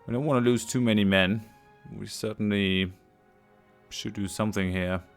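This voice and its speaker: A man's voice: lowish voice, fairly even intonation, normal speed, faint music behind. A man commentating a strategy game as he plays, thinking aloud, hesitant, with many fillers and restarts, his voice tiring. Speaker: let's play host. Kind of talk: casual gameplay commentary.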